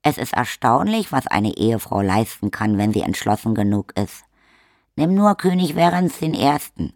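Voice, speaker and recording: A man voicing an older village witch woman, shameless, blunt and bossy in a brisk matter-of-fact way. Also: mid-range voice, big pitch swings, no echo, clean studio sound.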